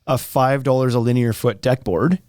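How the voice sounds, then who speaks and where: A man's voice: medium pitch, fairly even intonation, normal speed, a little mellow, no echo, studio quality. A man co-hosting a casual chat from a store, chatty, laughing often and trailing off mid-sentence. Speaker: podcast co-host at a deck store. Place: indoors, store.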